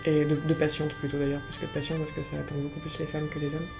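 Speaking fast with vocal fry, a young woman with a deep voice and flat delivery gives a patient's testimony, casually describing her experience in conversation. Guitar music accompanies her in the background.

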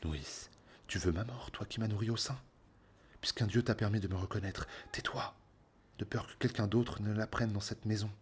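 Man as a slow solemn disguised king. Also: fairly low pitch, a little hiss or hum, natural voice. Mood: stern. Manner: slow, solemn, formal speech.

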